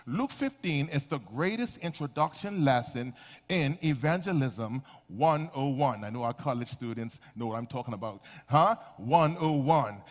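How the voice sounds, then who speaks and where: A man preaching a sermon, calling out to the congregation and swinging between shouts and quiet asides. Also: fairly high pitch, big-room sound. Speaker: pastor. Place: church sanctuary.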